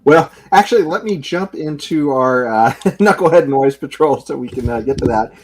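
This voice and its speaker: A man hosting a political talk podcast, with a voice of average pitch for a man. He talks in an easygoing way and pauses on fillers. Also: expressive, a little hiss or hum. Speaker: podcast host. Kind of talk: casual political discussion.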